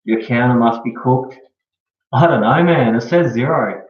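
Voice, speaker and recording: Speaking unhurriedly in a mid-range voice, this Australian guy keeps his live-stream chat relaxed and full of slang, tacking "eh" and "bro" onto his lines. The audio comes from a dull, echoing room with the mic far away.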